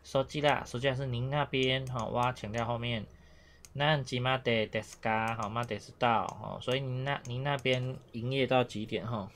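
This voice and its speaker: A man walks beginners through a Japanese lesson at an even, middle pitch. He explains patiently, repeating words and dropping frequent "oh" fillers. Faint noise and keyboard clicks sit behind his voice. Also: fairly quick, hardly any pauses. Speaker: Japanese teacher. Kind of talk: online language lesson.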